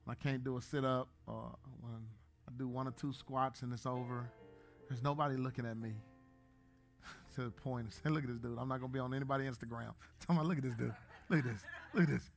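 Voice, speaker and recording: A man in his thirties, a pastor, preaching a sermon in a church, joking at times and then building to loud, emphatic bursts. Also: medium pitch, steady tone, a little fast, vocal fry, faint music behind. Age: 30s.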